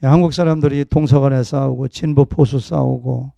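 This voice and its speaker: Gravelly, conversational Korean pastor preaching. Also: male voice, medium pitch, fairly even intonation, fairly quick, mellow, no echo. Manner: jokey, conversational preaching with laughs. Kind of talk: sermon.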